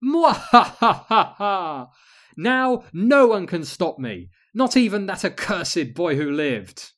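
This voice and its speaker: A man's voice: sits high, sing-song, slow, voice pushed up, heavily acted. A man voicing an imperious young witch queen who plays the melodramatic villain. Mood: gloating. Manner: melodramatic, gloating, shouting commands.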